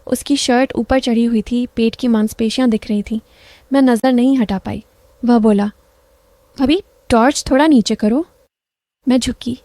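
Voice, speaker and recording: A woman narrating an emotional first-person story, soft and confessional. Her voice is somewhat high yet mellow and warm. The recording is close and dry. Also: fairly even intonation, moderate pace, dry recording.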